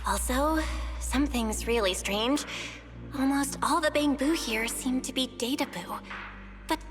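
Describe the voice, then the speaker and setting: A woman playing a curious, expressive young female protagonist in a video game. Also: high voice, measured pace, faint music behind. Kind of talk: video game character acting.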